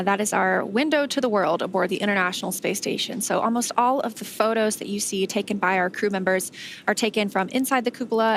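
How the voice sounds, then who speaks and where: A woman's voice: medium pitch, a bit bright, a little hiss or hum. A woman giving conversational, explanatory live commentary as a space mission broadcast host.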